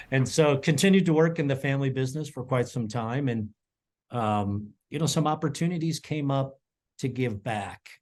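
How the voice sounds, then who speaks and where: A man's voice: on the low side, a little mellow. A man in his fifties, a culinary school president, telling stories in an interview with many restarts and fillers. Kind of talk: storytelling interview answers.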